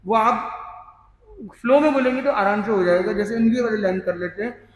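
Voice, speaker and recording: A man teaching a hymn workshop, explaining the meaning and pronunciation word by word and chanting the verses slowly. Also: high voice. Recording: echoey hall with long reverb.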